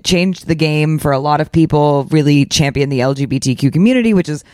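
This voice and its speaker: Higher-voiced man hosting, slangy and emphatic. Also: a little fast, darkish tone, no echo, studio quality. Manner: emphatic, slangy, repeats phrases for effect. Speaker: podcast host. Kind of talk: casual chat.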